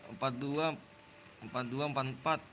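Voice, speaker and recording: A man's voice: medium pitch, steady tone, normal speed, a bit bright, slight background noise. A man in his twenties with a Jakarta accent, casually chatting on a game livestream, slangy and repetitive, lecturing viewers on manners. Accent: Jakarta Indonesian. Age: 20s. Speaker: livestream host running custom game rooms.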